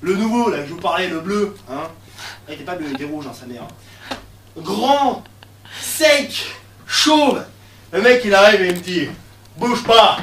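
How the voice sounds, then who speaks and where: A young man performing a comic monologue in slangy street talk, breaking into sudden shouts. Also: high-pitched, very animated, moderate pace, long pauses. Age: young adult. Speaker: stand-up comedian. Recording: echoey room, far mic, faint noise.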